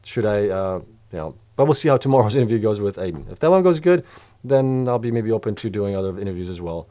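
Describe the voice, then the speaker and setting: A middle-aged man chats loosely on a late-night livestream, answering viewer questions with plenty of fillers and restarts. His voice is fairly low and warm, with a mellow tone. It sounds worn out from a long session. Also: lively intonation, fast talker. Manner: loose and rambling, many fillers, reads chat aloud. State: voice getting worn out. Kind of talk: casual livestream chat.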